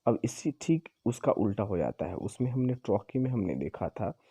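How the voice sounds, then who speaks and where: Guy teaching exam prep, really dark husky voice, goes slow and repeats stuff, dry close sound. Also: fairly low pitch, sing-song, dry recording. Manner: explains slowly, repeats and corrects himself. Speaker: English teacher.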